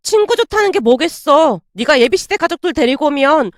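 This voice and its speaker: A woman voicing a sharp-tongued young woman who scornfully orders a former classmate around in a storybook drama. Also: high voice, lively intonation, brisk, dry recording, clean studio sound. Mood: scheming. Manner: irritable, commanding, scornful.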